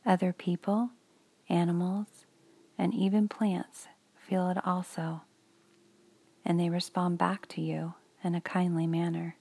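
Slow whispering woman guiding a meditation. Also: fairly low pitch, flat delivery, creaky, slightly rough, no room sound. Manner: soft whispery delivery, slow and soothing. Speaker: meditation guide. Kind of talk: guided meditation for children.

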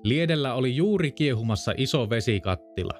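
Guy reading a bedtime fairy tale, calm steady voice, soft music behind. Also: medium pitch. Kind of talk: storybook narration.

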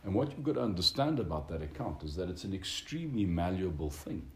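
A man's voice: sits low, very animated, quick pace. A man giving a reflective lecture as a religious teacher, in a donnish, formal, hesitant academic manner. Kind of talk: reflective spiritual lecture, unscripted. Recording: roomy echo with background noise.

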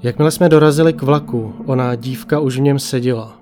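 A man narrating a ghost story in the first person, calm and measured. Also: mid-range voice. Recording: faint music behind.

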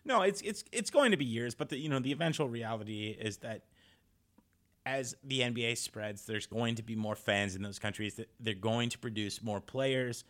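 A man's voice: mid-range voice, moderate pace, a bit bright. A man co-hosting a casual sports podcast, talking loosely with restarts and frequent laughs. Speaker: podcast co-host.

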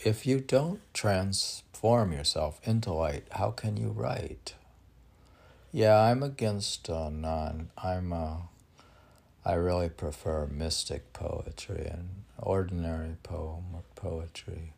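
In a noisy room humming with an air conditioner, an American man reads and discusses his own poetry for a podcast, rambling and questioning himself aloud. His voice is low, slow, gravelly and darkish in tone.

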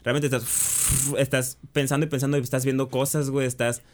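A young man with a Mexican Spanish accent tells a long personal story in relaxed conversation. His voice sits in a middle register, and his talk is loose and slangy, with frequent restarts. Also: mid-range voice, brisk. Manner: slangy, peppers speech with "güey", restarts often. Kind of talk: casual storytelling chat.

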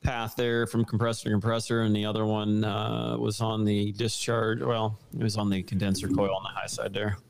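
A man's voice: fairly low pitch, flat delivery, moderate pace, gravelly, few pauses. A man talking casually as a podcast guest, explaining refrigeration repairs at length with many fillers. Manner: technical, rambling explanations with fillers. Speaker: guest HVAC technician.

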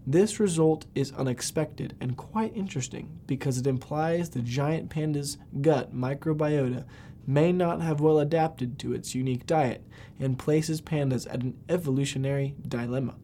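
A man's voice: a little high, moderate pace, dark tone, slight background noise. A man hosting a podcast, reading scripted science facts aloud and occasionally stumbling over words. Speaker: podcast host.

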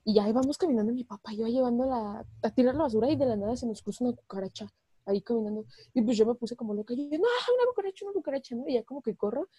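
A young woman with a Mexican Spanish accent tells a story among friends in an expressive way. Her voice is fairly high, husky and mellow. It is recorded dry and close. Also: rapid-fire, dry recording. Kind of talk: casual chat among friends.

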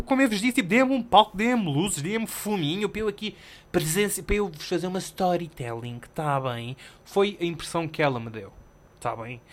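Animated slangy Portuguese podcaster man. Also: on the high side. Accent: European Portuguese. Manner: animated, swearing, slangy, self-mocking. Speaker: podcast host. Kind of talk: casual solo storytelling.

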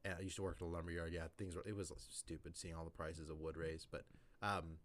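A man's voice: sits low, level tone, fast, a bit bright. A man casually telling a long personal story on a podcast, full of fillers and "like". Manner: rambling, filler-heavy storytelling with lots of "like". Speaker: podcast co-host.

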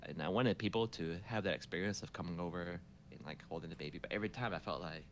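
A man's voice: sits low, fast talker, a little hiss or hum. A man recounting a family story in casual conversation, laughing often and restarting his sentences.

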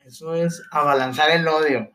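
A man's voice: a little high, steady tone, normal speed, a bit bright. A young man with a Mexican accent in casual chat, joking and asking questions. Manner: joking, curious, asks questions.

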